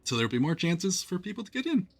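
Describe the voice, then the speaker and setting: A man's voice: high-pitched, big pitch swings, quick pace, gravelly, a little hiss or hum. A man hosting a live stream as game master, thanking players and viewers with frequent fillers. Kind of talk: closing remarks on a live stream.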